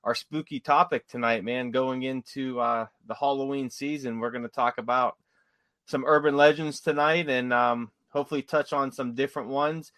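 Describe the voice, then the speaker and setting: A man hosting a podcast, chatting in a relaxed, friendly way and saying "man" often, a bit stuffy from allergies. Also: medium pitch, moderate pace, no echo. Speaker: podcast host. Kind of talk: casual podcast chat.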